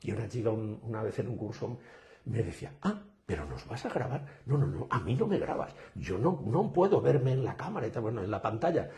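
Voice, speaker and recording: Man, speaking coach, lively storyteller, dark gravelly voice, video call. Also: fairly low pitch, a little fast. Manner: animated storyteller, acts out quoted students. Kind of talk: interview answers.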